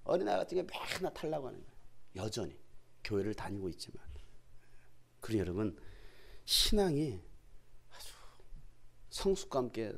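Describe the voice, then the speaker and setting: A man's voice: mid-range voice, gravelly, a little mellow. A male pastor preaching a sermon in a church, full of rhetorical prompts to the congregation.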